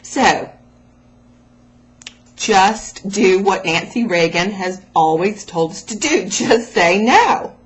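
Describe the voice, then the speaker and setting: The host of a raw food vlog talks to her followers casually and motivationally, addressing the listener directly with encouraging emphasis. Her mid-range voice is expressive and slightly rough, and she speaks at a slow pace.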